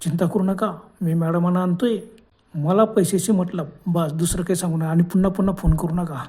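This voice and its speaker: A man voicing a sly, scheming young man in a spoken horror story, talking loudly and excitedly. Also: high voice, fairly quick, breathy edge. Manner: loud, agitated exclamations.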